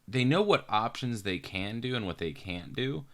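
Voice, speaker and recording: A man's voice: fairly low pitch, sing-song, moderate pace, a bit bright. A young American man in casual podcast chat, rambling and swearing freely as he tells stories. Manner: loose, profane, rambling storyteller. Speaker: podcast co-host.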